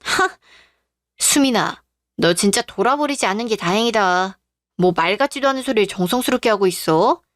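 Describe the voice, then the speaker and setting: A woman's voice: medium pitch, expressive, normal speed, a bit bright, dry recording, clean studio sound, natural voice. A woman playing a blunt, protective older sister. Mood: mocking. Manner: blunt, mocking. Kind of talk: Korean radio drama.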